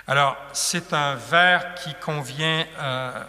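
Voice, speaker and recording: A man's voice: on the high side, slow pace, bright, forceful tone. A man giving a patient classroom lecture on poetry, tapping out rhythms with syllables. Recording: long hall reverb.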